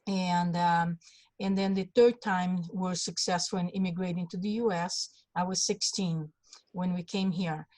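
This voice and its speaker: Older Hungarian-born woman, halting storyteller. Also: fairly low pitch, steady tone, darkish tone, no echo. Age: 60s. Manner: halting, many fillers and restarts. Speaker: guest, congressional candidate. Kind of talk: personal story in an interview.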